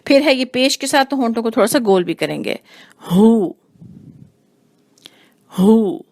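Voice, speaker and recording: A woman teaching Quran recitation rules, explaining slowly and repeating each sound to demonstrate it. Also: a little high, expressive, vocal fry. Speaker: tajweed teacher. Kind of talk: patient recitation lesson.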